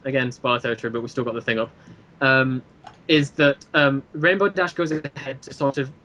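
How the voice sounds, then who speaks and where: On a lo-fi recording, a man with a mid-range, sharp-toned voice talks fairly quickly with fairly even intonation. He's an interview guest, the creator of an audio drama series, and he explains it casually, rambling and eager.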